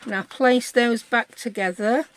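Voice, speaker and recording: A woman's voice: a little high, unhurried, no room sound. A British woman giving a casual step-by-step craft demonstration, chatting and thinking aloud as she checks in with listeners. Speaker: craft tutorial host.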